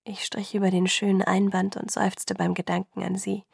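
A woman reads a first-person novel aloud as an audiobook, keeping her delivery soft and subdued. Her voice has a steady gravelly fry. The recording is close and completely dry. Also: mid-range voice, normal speed, dry recording. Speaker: audiobook narrator.

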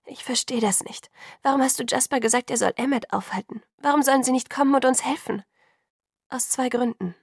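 A woman's voice: sits high, a little fast, slightly rough, dry recording, studio quality, pitched above the performer's own voice. A woman voicing an anxious young woman who speaks urgently and often drops to a whisper. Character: anxious young woman pleading in hushed tones.

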